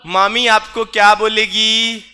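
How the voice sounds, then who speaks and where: A man's voice: high voice, flat delivery, takes it slowly, bright, forceful tone, clean tone, soft background music. A man teaching a class, quizzing students with repeated questions and teasing asides. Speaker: reasoning teacher. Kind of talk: online class lecture.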